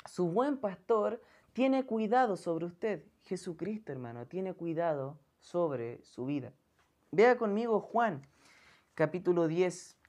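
A woman's voice: on the low side, sing-song, slow pace, darkish tone. A woman preaching an earnest sermon, often calling her listeners brother.

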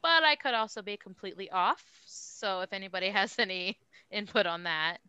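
A young adult woman hosting a casual podcast chat, talking in a relaxed way with many ums. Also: mid-range voice, brisk, clean tone, no room sound. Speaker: podcast host.

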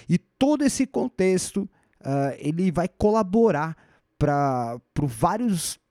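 A Brazilian Portuguese-accented podcast host explains history thoughtfully and conversationally, often restarting phrases and tossing in rhetorical asides. His voice is high, very animated and dark in tone, at a slow pace, in a clean studio recording with no echo.

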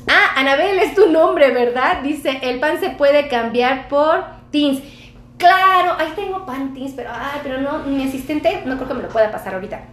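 A woman's voice: high voice, a bit bright. A middle-aged woman doctor with a Mexican accent, hosting a casual live stream, chatty and playful as she reads viewer comments. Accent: Mexican Spanish. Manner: chatty, playful, laughs often. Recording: echoey room with faint background noise.

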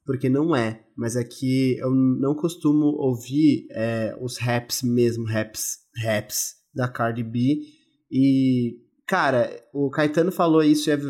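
A man's voice: mid-range voice, a little mellow, slightly rough. A man co-hosting a casual music podcast, chatty with exasperated asides. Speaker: podcast co-host.

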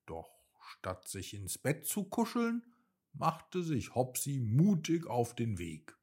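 Gentle husky bedtime storyteller man. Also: mid-range voice, wildly swooping pitch, takes it slowly. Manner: gentle, soothing. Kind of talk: bedtime story narration for children.

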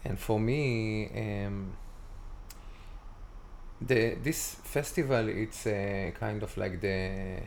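A man in his forties with an Israeli accent, talking as a guest in a casual interview and often pausing to search for words. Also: low voice, gravelly, a little mellow, a little hiss or hum. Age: 40s. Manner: halting, searching for words with many fillers.

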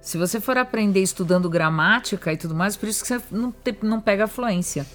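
A Brazilian woman of middle pitch chats on a podcast with a curious, animated manner. She jumps in often with questions and personal examples. Faint music plays softly behind her. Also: fast talker. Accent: Brazilian Portuguese. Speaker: podcast co-host. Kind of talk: casual conversational chat.

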